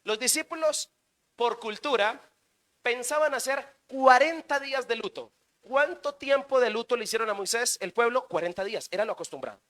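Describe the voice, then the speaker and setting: A man preaching a sermon in church, firing rhetorical questions and swinging between loud bursts and quiet stretches. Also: extremely high pitch, expressive, normal speed. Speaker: pastor.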